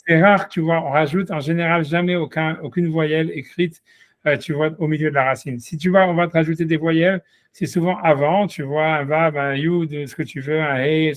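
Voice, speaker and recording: A man's voice: a little high, no room sound. A man teaching Talmud one-on-one, explaining patiently with many repetitions and restarts. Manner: explains patiently, repeats "tu vois" often, hesitant restarts. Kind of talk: one-on-one study session.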